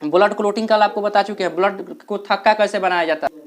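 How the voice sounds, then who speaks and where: Fast-talking male teacher quizzing himself. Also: high-pitched, fairly even intonation. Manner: asks questions and answers them himself. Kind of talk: classroom lecture.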